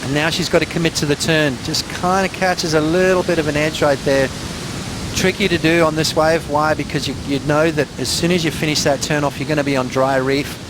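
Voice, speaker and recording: A man's voice: a little high, steady tone, fairly quick. A man giving conversational, laid-back surf replay analysis, explaining each move as it happens. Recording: clear surf noise behind. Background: ocean waves.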